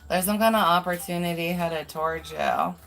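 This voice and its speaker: A woman's voice: fairly low pitch, moderate pace, fairly bright tone, faint music behind. A woman doing a casual live tarot reading. She chats loosely and swears freely, with many "um"s and "like"s. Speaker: tarot reader.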